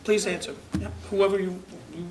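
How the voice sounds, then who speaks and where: The chair of a town commission meeting speaks in a high-sitting voice with flat delivery and a moderate pace. His public remarks are rambling, homespun and straightforward, heard on a noisy public-access recording.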